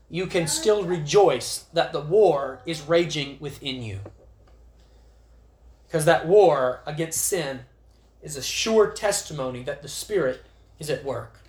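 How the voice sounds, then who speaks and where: A man's voice: on the high side, lively intonation, a little slow. Man, preacher, sermon at prayer meeting, earnest, emphatic, echoey chapel. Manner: earnest, rises to emphatic when reading scripture.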